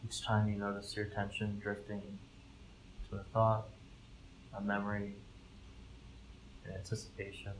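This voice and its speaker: This live meditation session, marred by poor audio and audible background noise, features a low-voiced male guide, a mindfulness fellow. He speaks calmly and with little melodic variation, giving soft, measured instructions spaced out with pauses.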